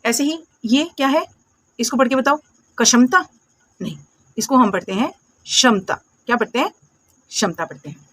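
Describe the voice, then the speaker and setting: A woman gives a classroom phonics lesson, her voice pitched a little high. She asks her viewers a question, answers it herself and says each word slowly twice. The sound is close and dry, with no room echo. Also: very animated, slightly rough. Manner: patient, calls viewers "my dear friends" and "beta". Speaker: English teacher.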